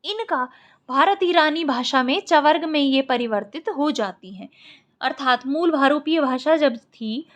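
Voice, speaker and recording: A woman's voice: sits high, animated, measured pace. A woman teaching an exam-prep lecture, explaining step by step and repeating the key points. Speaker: Sanskrit teacher.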